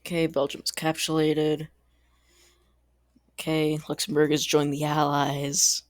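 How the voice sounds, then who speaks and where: A man's voice: fairly high pitch, completely flat delivery, a little slow, dry recording, studio quality. A man giving casual, rambling commentary over a strategy game, chatty and full of asides, little laughs and mild exasperated swearing. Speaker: gaming channel host.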